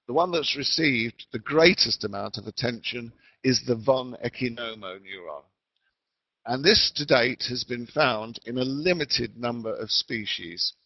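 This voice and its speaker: Speaking through a remote call mic, a webinar speaker with a mid-range voice and some vocal fry delivers an educational lecture. He explains at a measured, deliberate pace while the dull, lo-fi, dry call line fades in and out.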